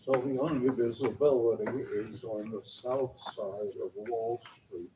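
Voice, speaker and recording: A man's voice: medium pitch, fairly even intonation, unhurried. Older man testifying from far off. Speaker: homeowner addressing a review board. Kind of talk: public meeting testimony. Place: municipal meeting room. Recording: distant mic with loud room noise.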